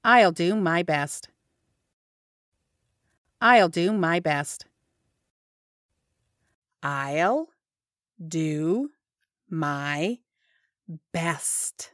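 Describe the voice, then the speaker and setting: A woman's voice: on the low side, lively intonation, extremely slow, pauses often, fairly bright tone, no room sound, studio quality. A woman teaching English phrases, saying each one whole, then word by word. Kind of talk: slow repeated phrase drilling.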